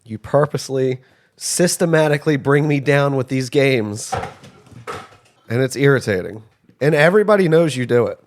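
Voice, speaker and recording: A man's voice: medium pitch, normal speed. A man co-hosting a podcast, complaining in exasperation and swearing during a game. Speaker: podcast co-host. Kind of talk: casual podcast banter.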